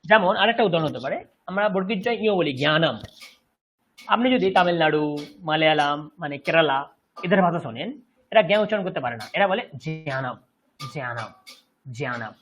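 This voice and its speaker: An expressive man with a voice on the high side and a fairly bright tone talks at a quick pace, with soft background music. He's from West Bengal, India, with a Bengali accent, and patiently explains a Sanskrit lesson online while checking understanding. The sound is dull and lo-fi.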